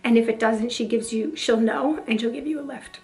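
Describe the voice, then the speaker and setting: A woman vlogger talking earnestly and confidingly to camera, her voice hoarse and partly lost after a breathing tube. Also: a little high, fairly quick, darkish tone. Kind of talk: earnest personal talk to camera.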